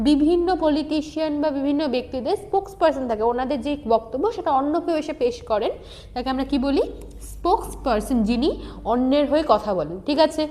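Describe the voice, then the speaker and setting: A woman's voice: high voice, a little mellow. A female teacher, explaining English word meanings and checking in with her students. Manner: checks in with "ঠিক আছে?". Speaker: exam prep teacher.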